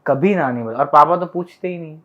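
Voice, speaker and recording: A man's voice: fairly high pitch, quick pace. A young man chatting as a podcast guest, telling stories and acting out family dialogue. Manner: animated retelling that acts out family dialogue. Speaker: podcast guest, content creator. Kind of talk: casual storytelling chat. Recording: tinny phone-like sound.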